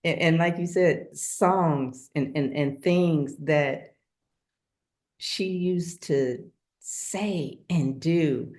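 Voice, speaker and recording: A middle-aged woman co-hosting a heartfelt conversation, soft-spoken and hesitant, with many pauses. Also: deep voice. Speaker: co-host.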